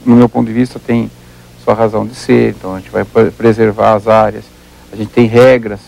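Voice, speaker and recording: Gravelly husky Brazilian man explaining. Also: mid-range voice, darkish tone, poor audio. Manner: methodical, repeats words while thinking, works through examples. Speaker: livestock researcher, interview guest. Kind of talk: explanatory interview talk.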